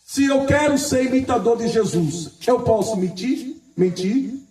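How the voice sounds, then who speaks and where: A man preaching a sermon, repeating his points, asking the congregation for an "Amém", and reading scripture slowly and with emphasis. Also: very high voice, animated, echoey room, distant mic, rough recording.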